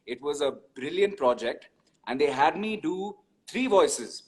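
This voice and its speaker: A young man with a rather high voice chats in a playful, joking way as an interview guest. He restarts sentences often and talks through his voice work with easy humor. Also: lively intonation, unhurried. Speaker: guest, voice artist. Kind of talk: casual interview chat.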